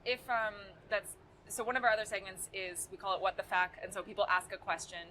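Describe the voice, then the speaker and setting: A woman's voice: medium pitch, fast talker, bright, forceful tone, a little hiss or hum, rough recording. A woman hosting a film podcast interview, chatty and friendly as she leads the questions. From Toronto, Canada. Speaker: podcast host. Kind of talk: casual interview chat. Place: film festival event.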